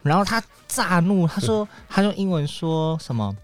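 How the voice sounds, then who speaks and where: Animated man telling stories casually. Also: sits high, moderate pace. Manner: animated, acts out quoted lines. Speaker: podcast co-host. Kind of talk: casual storytelling chat.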